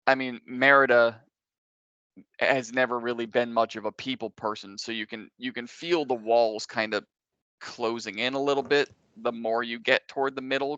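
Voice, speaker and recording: A man working as game master, improvising narration casually and explaining things in a halting, conversational way. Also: medium pitch, sharp tone, smooth, no echo, highs cut off.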